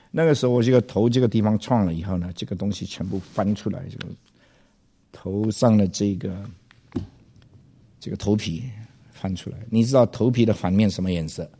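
An older man, a pastor, telling a personal story to an audience in a loud, animated way, dropping in English phrases. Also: fairly low pitch, husky.

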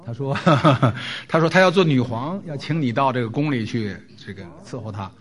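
A man preaching a sermon, telling a story with animated delivery, frequent rhetorical questions and filler words. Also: medium pitch, normal speed. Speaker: pastor.

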